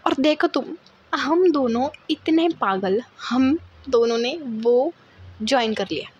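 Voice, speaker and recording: A young woman in her twenties telling a storytime vlog story in a lively, dramatic way. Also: high voice, takes it slowly, dull audio, a little hiss or hum. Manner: animated, dramatic, acts out others' lines. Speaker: vlogger. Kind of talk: casual storytime.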